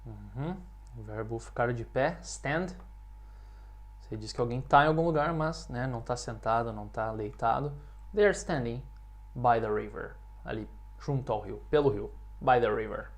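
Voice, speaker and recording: Brazilian male English teacher, patient explainer, speaks example sentences slow and clear. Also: mid-range voice. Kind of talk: language lesson.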